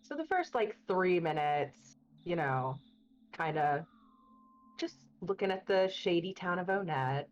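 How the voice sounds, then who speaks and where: A woman with a fairly low, animated voice delivers casual, upbeat race commentary at a measured pace, chatty and full of fillers. She's recorded on a built-in webcam mic that muffles her, as if she were in a tunnel.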